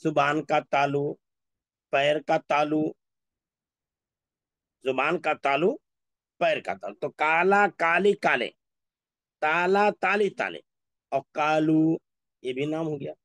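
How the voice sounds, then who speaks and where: A man teaching an Urdu class, going through word lists slowly and repeating each word. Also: a little high, fairly bright tone, no room sound. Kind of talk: classroom lesson.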